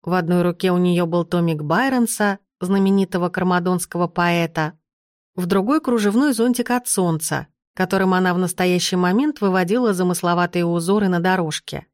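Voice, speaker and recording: A woman narrating an audiobook in a measured storytelling manner on a close studio mic. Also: fairly low pitch, no room sound. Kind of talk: scripted narration.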